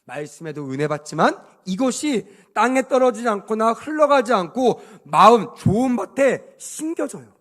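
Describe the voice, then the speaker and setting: A man preaching a sermon in church as pastor, emphatic, asking the congregation rhetorical questions and swinging between soft and loud delivery. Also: high voice, very animated, moderate pace, hardly any pauses.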